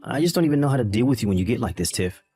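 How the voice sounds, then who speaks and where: A man's voice: mid-range voice, animated, racing, mellow, breathy edge, no room sound, soft background music. A man voicing a dismissive, callous young husband in a text-message drama, irritated and belittling.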